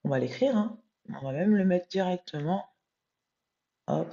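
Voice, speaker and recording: Tired woman, mellow voice, mutters while working, lo-fi home recording. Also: on the low side, lively intonation, vocal fry. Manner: muttering to herself, reads passages slowly and emphatically. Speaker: medium transcribing a channeled text. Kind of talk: live screen-recorded transcription, thinking aloud.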